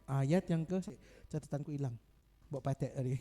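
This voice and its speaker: A man's voice: mid-range voice, fairly even intonation, moderate pace, mellow, long reverb tail, soft background music. A male pastor, giving a casual, joking devotional talk to a small group over a video call. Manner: joking, chatty, self-mocking.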